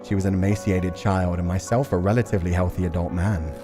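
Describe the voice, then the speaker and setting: A man with a deep, steady voice speaks fast, musing aloud and reading narration as he plays through a visual novel. It's casual game commentary mixed with narrated reading, with music in the background.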